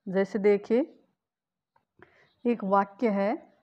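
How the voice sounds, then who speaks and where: A woman teacher giving a patient grammar lesson to students, explaining slowly and repeating key points. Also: medium pitch, fairly even intonation, warm tone, dull audio. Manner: slow, patient explaining with repetition.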